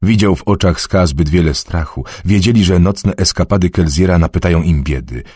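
A man narrating an audiobook in a measured, expressive reading. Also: sits low, breathy edge, dry recording, studio quality.

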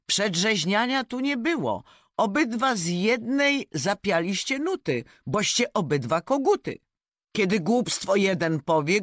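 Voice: mid-range voice, a bit bright, no echo, studio quality, voice pushed up. A reader voicing a pompous turkey who lectures two roosters in a fable. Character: pompous self-important turkey peacemaker.

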